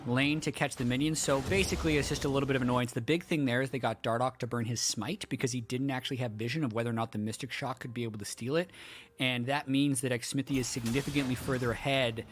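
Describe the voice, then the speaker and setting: A man's voice: mid-range voice, fairly even intonation, quick pace, background noise. A man giving casual, analytical color commentary on a competitive video game. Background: music.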